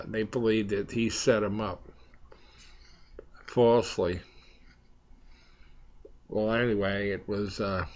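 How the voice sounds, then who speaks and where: A man hosting a casual, rambling chat for viewers, speaking in a halting, hesitant way with long pauses, on a slightly dull recording. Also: lowish voice, creaky. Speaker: host of a pipe smoking chat vlog.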